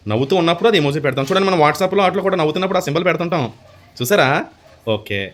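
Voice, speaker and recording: A male schoolteacher in a classroom, quizzing a young pupil and praising the answers warmly. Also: a little high, expressive, very fast. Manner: warmly encouraging, praises often; questioning, prompting a child. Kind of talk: classroom oral assessment.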